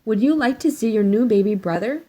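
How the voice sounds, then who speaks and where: A woman's voice: on the high side, animated, fairly quick, mellow. Woman acting out a placating, lilting storybook mother. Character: placating mother of a small girl, gently chiding.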